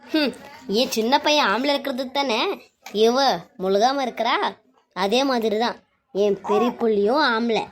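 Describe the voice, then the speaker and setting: A woman's voice: a little high, normal speed, pauses often, natural voice. A woman voicing a domineering middle-aged mother-in-law who scolds and wails melodramatically. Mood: scornful.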